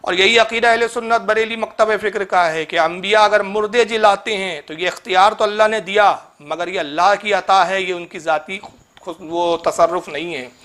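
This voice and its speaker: High-voiced man preaching a scolding rebuttal. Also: fairly even intonation, moderate pace, a bit bright. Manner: scolding, sarcastic rebuttal of a rival cleric; recites Arabic scripture in a chanting cadence. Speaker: Islamic preacher. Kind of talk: polemical religious talk.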